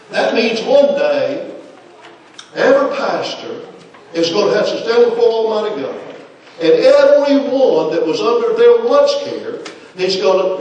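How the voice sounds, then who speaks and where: A man's voice: sits high, darkish tone, slight background noise. A man preaching as a guest, building to emphatic preaching in a church sanctuary. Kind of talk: sermon. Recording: very echoey church from far off.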